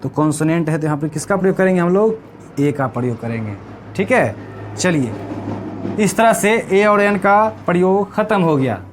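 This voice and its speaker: Fairly high-voiced male teacher explaining. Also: animated, normal speed, a little hiss or hum. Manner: asks the class questions and answers them himself; keeps checking in with the class. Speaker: English teacher. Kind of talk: classroom lesson explaining grammar.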